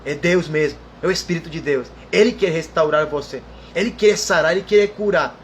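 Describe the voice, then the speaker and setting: A man with a rather high voice delivers a sermon, repeating key phrases and calling on his listeners as brothers. His emphatic preaching carries over a faint background ambience. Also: fairly quick, slight background noise. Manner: repetitive, emphatic preaching with frequent "irmão" and "aleluia".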